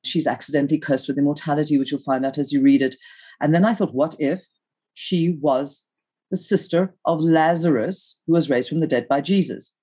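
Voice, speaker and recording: A woman's voice: deep voice, moderate pace, breathy edge. A woman author talking about her novel in an interview and reading from it expressively. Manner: expressive, restarts often when explaining.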